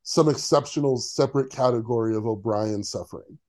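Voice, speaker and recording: A man's voice: mid-range voice, fairly quick, darkish tone. A man co-hosting a podcast, chatting casually in a sarcastic, opinionated way with many fillers. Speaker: podcast co-host. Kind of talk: casual chat.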